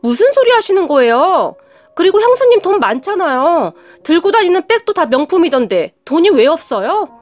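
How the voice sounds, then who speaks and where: A woman's voice: high voice, animated, brisk, few pauses, no room sound. A woman voicing a husband who speaks curtly and firmly. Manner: curt, firm. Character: firm, blunt younger husband.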